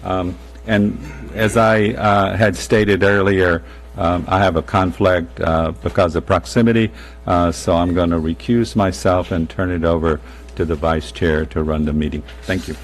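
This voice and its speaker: Low creaky-voiced guy running a formal meeting, kinda halting, slight hum in the room. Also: fairly even intonation. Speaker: commission chair. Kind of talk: procedural meeting talk. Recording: faint hum and noise.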